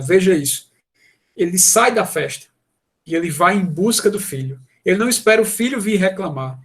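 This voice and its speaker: A man's voice: high voice, vocal fry. A man preaching a sermon, earnest and asking the congregation direct questions.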